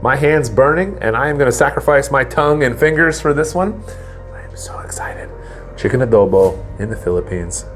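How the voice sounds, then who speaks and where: A man's voice: medium pitch, lively intonation, fairly quick, hardly any pauses. American chef guy vlogging in his little kitchen, hyped and showy, faint music under it. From United States. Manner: enthusiastic, showman-like. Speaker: chef and vlog host. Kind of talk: casual cooking vlog. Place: small home kitchen.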